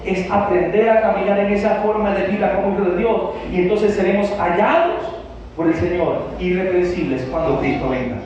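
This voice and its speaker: A man's voice: sits high, moderate pace, darkish tone. A male pastor preaching a sermon to his congregation, emphatic and full of rhetorical questions. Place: church hall. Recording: very echoey hall, distant, dull sound with faint noise.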